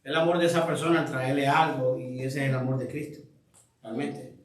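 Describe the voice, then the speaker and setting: A man's voice: medium pitch, steady tone, a little fast. A man leading a church Bible study, speaking reflectively and asking the group questions. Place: church room. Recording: echoey room, voice from far off.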